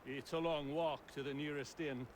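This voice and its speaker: Courteous colonial craftsman, formal and grateful, slightly raised pitch, voiced by a man. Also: fairly even intonation, moderate pace, slight background noise, lightly acted. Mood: polite. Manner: courteous, formal period speech. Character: polite grateful male colonial woodworker, adult. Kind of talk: video game dialogue.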